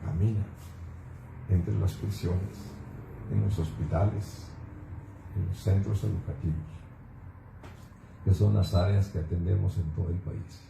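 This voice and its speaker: A man's voice: sits low, fairly even intonation, measured pace, gravelly, pauses often, background noise. A man telling a testimony as a guest on a church program. He tells it earnestly and acts out the quoted dialogue as he goes. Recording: roomy echo with faint ambience.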